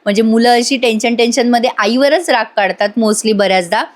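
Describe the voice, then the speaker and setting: A woman with a fairly high voice narrates a voice-over recap of a TV serial episode. She chats directly to her listeners, adding her own asides between the scenes. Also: brisk. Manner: chatty, addresses the audience.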